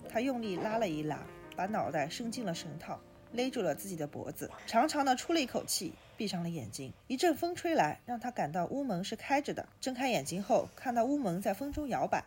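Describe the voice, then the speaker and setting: Female book-podcast host; animated storyteller, mid-range voice, soft music bed. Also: mid-range voice, brisk, hardly any pauses. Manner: expressive storytelling. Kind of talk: reading a novel aloud and discussing it.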